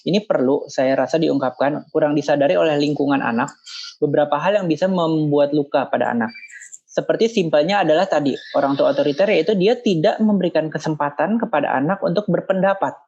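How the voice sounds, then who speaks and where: A guest expert calmly explaining in a podcast interview, sometimes acting out scolding parents in a raised voice. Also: medium pitch, a little fast. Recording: muffled lo-fi audio.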